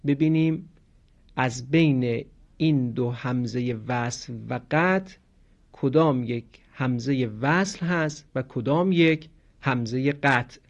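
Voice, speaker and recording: A man teaching a grammar lesson slowly and clearly, stopping to sound out words as examples. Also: medium pitch. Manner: slow, explanatory, demonstrates pronunciation. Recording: dull lo-fi recording.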